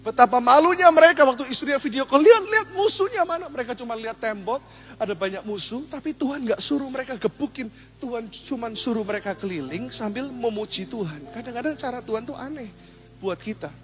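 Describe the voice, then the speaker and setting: A man pastor, preaching a lively, humorous sermon and asking the congregation questions. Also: very high-pitched, fairly quick, faint music behind.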